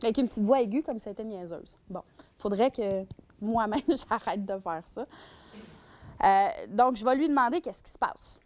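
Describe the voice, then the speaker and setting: Animated Québécois woman lecturing. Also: medium pitch, normal speed. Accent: Québécois French. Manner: animated, acts out scenarios. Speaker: domestic violence shelter worker giving a talk. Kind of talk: public lecture.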